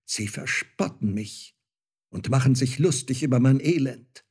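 A man's voice: mid-range voice, a little slow, a little mellow, husky, voice pushed up. A man doing a humble, sorrowful starchild. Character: poor ragged starchild boy, humble and sorrowful.

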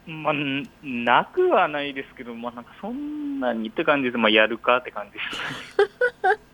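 Calling in to a radio show over a dull, muffled phone line, a man appears as a racing cyclist guest and answers in a laid-back, matter-of-fact way full of hedging fillers. His voice is a little high and bright, forceful, fairly quick, with wildly swooping pitch.

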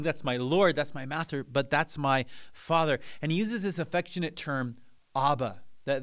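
A man preaching a sermon as pastor, earnest and repeating phrases for emphasis. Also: mid-range voice.

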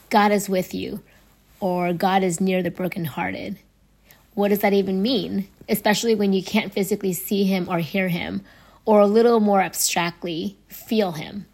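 Woman, hoarse from laryngitis, raspy voice, earnest faith podcast host, casual chat. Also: mid-range voice. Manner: earnest, conversational teaching.

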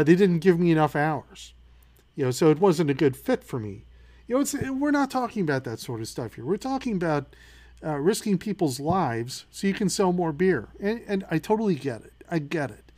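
A middle-aged man with a fairly high voice reads out headlines and then riffs on them in a loose, opinionated way. He stops and restarts often, leans on fillers, and works himself up as he talks. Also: darkish tone. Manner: opinionated, gets worked up, many fillers. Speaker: podcast host. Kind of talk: casual news commentary.

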